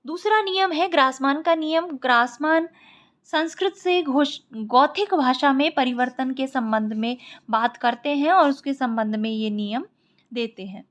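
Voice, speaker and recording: High-voiced woman teaching a lecture. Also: a little slow. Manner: explains step by step, repeats key points. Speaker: Sanskrit teacher. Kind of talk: exam-prep lecture.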